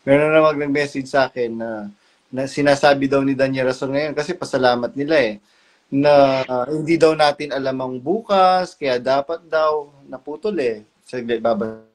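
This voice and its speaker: A man hosting a casual live-stream chat, relaxed and asking questions. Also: medium pitch, moderate pace.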